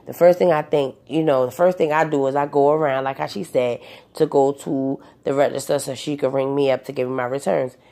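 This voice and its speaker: A woman with a strikingly deep voice and a gravelly rasp recounts a personal experience in a loose monologue. She wanders between details, fills pauses with ums and likes, and restarts her sentences often. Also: fairly even intonation, dark tone. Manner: rambling, with many fillers and restarts. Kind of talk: casual storytelling monologue.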